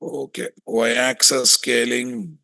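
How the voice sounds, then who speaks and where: A man with a Telugu Indian accent giving a hands-on software tutorial, thinking aloud, repeating himself and often putting questions to his students. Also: medium pitch, level tone, slow, vocal fry, no room sound. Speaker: software testing instructor.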